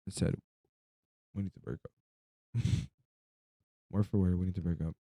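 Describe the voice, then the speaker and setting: Low, dark-voiced, sleep-deprived young man rambling. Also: fairly even intonation, moderate pace, slightly rough, no room sound. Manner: slangy, swearing, informal. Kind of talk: casual rambling personal storytelling.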